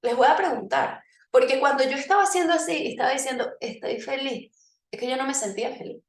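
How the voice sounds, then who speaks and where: A woman's voice: high voice, animated, quick pace. A woman presenting a motivational workshop, speaking straight to her audience and leading them through exercises with frequent check-ins. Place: room with a live audience. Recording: echoey room, voice from a distance.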